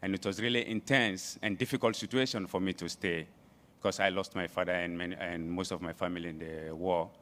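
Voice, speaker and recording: A man in his late thirties with a low voice and a West African accent. He tells his own story to a conference audience as a student panelist. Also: steady tone, fairly quick, a bit bright. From Ivory Coast. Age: late 30s. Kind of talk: personal account at a panel.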